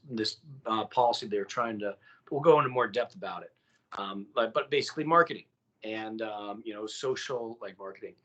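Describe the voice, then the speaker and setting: A podcast co-host chats casually, rambling with many fillers and restarts. His voice is lowish with a sharp tone.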